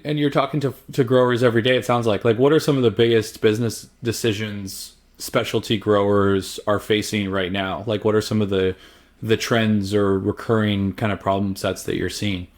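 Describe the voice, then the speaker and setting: A man's voice: on the low side, normal speed. A man hosting a podcast interview, asking casual questions, rephrasing them and repeating short affirmations. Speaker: podcast host.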